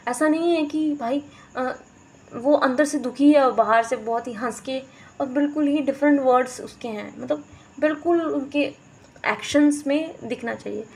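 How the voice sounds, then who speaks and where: A woman teacher talks through a lesson on teaching methods. Her voice sits a little high. She switches into English terms and sounds out words to show how they should be said. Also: a little mellow, low-quality recording. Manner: explanatory, mixes English terms into Hindi, demonstrates pronunciations. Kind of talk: explaining a teaching course in Hindi.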